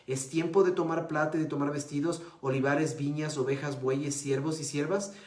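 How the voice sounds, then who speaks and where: A man preaching a sermon, retelling a scripture story with lively swings in his voice and dropping to a hushed low tone for emphasis. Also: moderate pace. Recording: echoey room.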